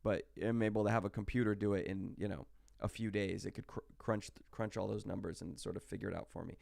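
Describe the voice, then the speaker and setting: Gravelly-voiced man teaching math online. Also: fairly low pitch, fairly even intonation, fast talker, a little mellow, dry recording, clean studio sound. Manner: casual, rambling, many fillers and restarts. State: sick, with hiccups. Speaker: math instructor. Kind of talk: recorded online math lecture.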